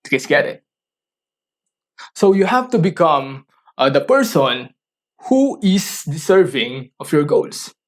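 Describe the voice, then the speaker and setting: Very animated and high-voiced, a man whose first language is Tagalog delivers solo motivational podcast talk, earnestly coaching and throwing rhetorical questions at listeners. He's halting, with frequent sentence restarts.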